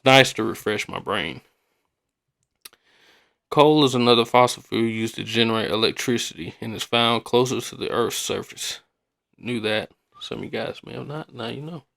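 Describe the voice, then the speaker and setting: A man's voice: mid-range voice, normal speed, creaky, a bit bright. A man hosting a podcast in a casual, rambling, colloquial way, often repeating himself. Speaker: podcast host.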